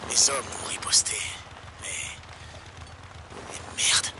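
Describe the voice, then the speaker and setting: A man's voice: takes it slowly, background noise. An actor playing an angry man ranting to listeners over a pirate radio broadcast, in a video game. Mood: grim ranting. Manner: ranting, gravelly, conspiratorial. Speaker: radio host.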